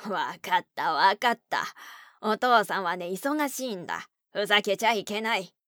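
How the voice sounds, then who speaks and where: A woman's voice: mid-range voice, expressive, normal speed, fairly bright tone, dry recording, clean studio sound, natural voice. A woman narrator voicing an impatient middle-aged father who scolds curtly. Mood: irritated. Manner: curt, dismissive scolding.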